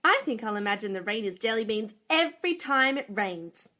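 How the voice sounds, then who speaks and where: A woman's voice: fairly high pitch, lively intonation, a little fast, bright, forceful tone. A woman storyteller on a scripted children's show, with music playing behind her.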